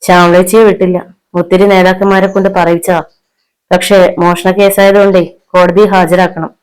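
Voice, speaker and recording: A woman voicing a violent, hot-tempered young husband in a storybook reading, with a harsh, shouting manner. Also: on the low side, flat delivery, normal speed, clear, resonant tone, close to an everyday voice, rough recording. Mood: angry.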